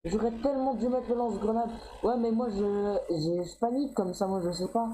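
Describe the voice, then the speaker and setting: A young man giving excited commentary over his own gameplay as a gaming YouTuber, swinging between loud yelps and low mumbling and swearing often. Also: brisk, slight background noise, rough recording.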